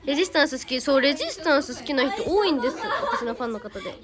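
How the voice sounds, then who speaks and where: A high-pitched teenage girl from Hyogo, speaking with a Kansai lilt. She chats casually and cheerfully on a livestream, thanking fans and calling herself by her own name. A crowd can be heard clearly behind her. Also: big pitch swings, fast. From Hyogo, Japan. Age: teens. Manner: bubbly, thanks viewers by name, refers to herself by name. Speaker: idol livestreamer. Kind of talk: casual livestream chat reading viewer comments.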